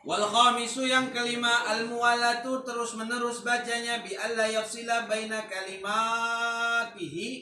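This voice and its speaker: A man's voice: extremely high pitch, moderate pace, hardly any pauses. A man teaching a casual religious lesson, joking and dropping into Arabic recitation with slangy asides. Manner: relaxed, joking, mixes Arabic recitation with Jakarta-style slang. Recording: echoey room, distant mic, faint noise.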